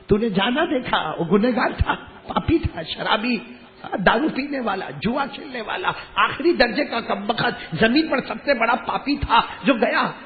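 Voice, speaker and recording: A male preacher voicing a calm divine voice that explains patiently in a sermon story. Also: extremely high pitch, long reverb tail, pitched above the performer's own voice. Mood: gentle. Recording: tinny phone-like sound.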